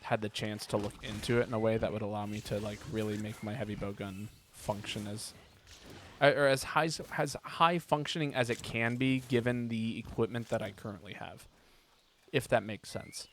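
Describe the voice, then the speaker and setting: A man's voice: fairly low pitch, fairly even intonation, moderate pace. A man streaming a video game, chatting casually and rambling as he thinks aloud. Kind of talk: casual live gaming commentary. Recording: clear background noise.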